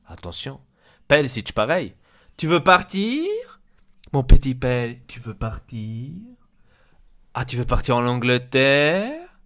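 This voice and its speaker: A man's voice: medium pitch, big pitch swings, slow, long pauses, a bit bright. A man voicing a blunt, crude male football club boss who scolds his players, in an Italian accent. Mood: scolding.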